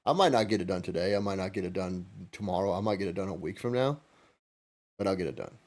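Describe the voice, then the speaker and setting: A man's voice: deep voice, quick pace, darkish tone. An older man co-hosting a podcast, talking in a casual, emphatic way and repeating his points. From United States. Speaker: podcast co-host. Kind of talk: casual chat.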